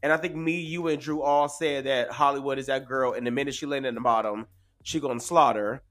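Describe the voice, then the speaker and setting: A man's voice: medium pitch, steady tone, a little fast, fairly bright tone. A man co-hosting a casual podcast, giving opinions in slangy drag-scene phrases. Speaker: podcast co-host.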